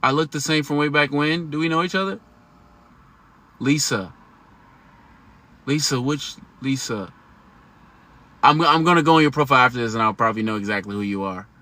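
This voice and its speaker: Slangy, bright-voiced man in his thirties. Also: medium pitch, moderate pace, pauses often. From United States. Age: 30s. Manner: slangy, emphatic, chatty with laughs. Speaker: livestream host. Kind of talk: casual livestream talk to viewers.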